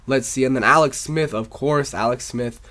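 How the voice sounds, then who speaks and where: A man's voice: mid-range voice, normal speed, pushed and bright. A man with a congested, sore-throated sick voice gives casual, opinionated sports commentary as a video host in an informal, rambling way.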